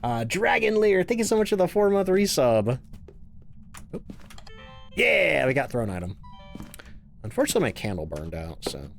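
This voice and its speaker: A man's voice: on the high side, huge pitch swings, moderate pace, creaky, pauses often, soft background music. A man streaming a horror game, chatting casually with viewers and musing to himself as he plays.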